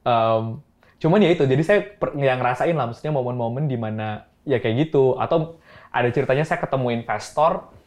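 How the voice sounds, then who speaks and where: Male founder, 30s, casual interview storyteller, code-switches, mid pitch. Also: fairly quick, darkish tone. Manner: mixes English into Indonesian, acts out quoted people. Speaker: startup founder guest.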